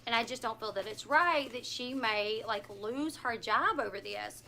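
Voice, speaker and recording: Lady chatting on her stream while doing the dishes, kinda high bright voice, noisy recording. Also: normal speed, vocal fry. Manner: talking while washing dishes. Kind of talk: casual livestream storytelling. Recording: noisy livestream, dishwashing in the room.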